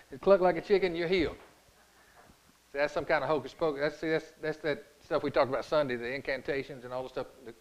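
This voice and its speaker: A man's voice: on the high side, low-quality recording. A male pastor giving a conversational sermon. He often stops to ask the congregation rhetorical questions, and his speech halts as he repeats words and restarts. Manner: folksy, asks the congregation frequent rhetorical questions.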